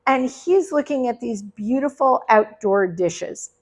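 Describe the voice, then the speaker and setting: A woman's voice: a little high, lively intonation, unhurried. A middle-aged woman telling a personal story to a live audience, chatty and conversational with laughing asides. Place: live event venue.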